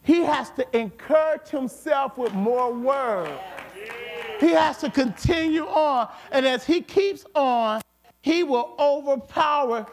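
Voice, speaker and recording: A man preaching a sermon with emphatic repetition, at times rising to shouts. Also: very high-pitched, lively intonation, slow. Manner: emphatic, repeats words, rises to shouts.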